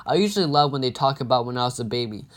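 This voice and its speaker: A man reading a novel aloud in a plain, unhurried manner. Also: medium pitch, lively intonation. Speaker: book reader.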